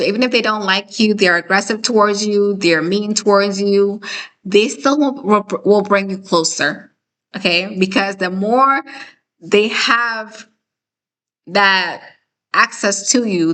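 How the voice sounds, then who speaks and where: Bright-voiced woman hosting a live chat. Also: medium pitch. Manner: conversational, emphatic, frequent "okay?" and "right?" check-ins. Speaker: host of a live discussion. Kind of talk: casual live-stream talk reading viewer comments.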